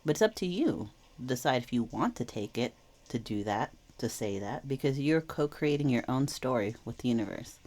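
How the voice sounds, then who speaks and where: A woman's voice: very deep voice, expressive, normal speed, darkish tone. A slightly wheezy woman who is under the weather, giving a reflective, reassuring tarot reading to viewers in a casual, explanatory way. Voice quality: slightly wheezy, with throat clearing. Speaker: tarot reader and channel host.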